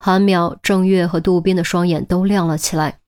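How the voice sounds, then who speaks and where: A woman reading a crime audiobook in a steady storytelling manner. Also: fairly low pitch, normal speed. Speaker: audiobook narrator. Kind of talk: scripted audiobook narration.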